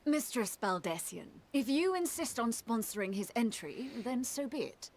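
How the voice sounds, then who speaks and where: A woman's voice: a little high, very animated, moderate pace. A woman voicing a stern, disapproving official in a video game, formal and cautioning in her delivery. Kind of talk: scripted video game acting.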